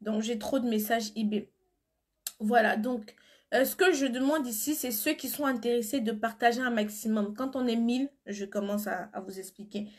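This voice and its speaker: Speaking at a fairly high pitch and moderate pace, a woman selling beauty products live streams from her phone while sick with a cold and flu. She replies to comments casually but gets blunt when pressing a point.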